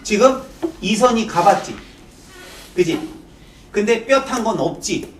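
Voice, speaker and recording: A man's voice: high voice, animated, a little hiss or hum. A man teaching a class in a blunt, informal way, firing rhetorical questions at his students. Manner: brisk, full of rhetorical questions. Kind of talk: lecture to students. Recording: echoey room, mic far off.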